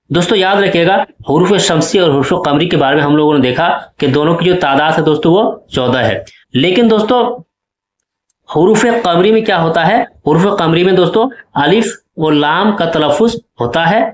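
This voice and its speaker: A man's voice: on the high side, echoey room. A male teacher explaining exam questions step by step and often checking that his students follow. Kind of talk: exam-prep lesson.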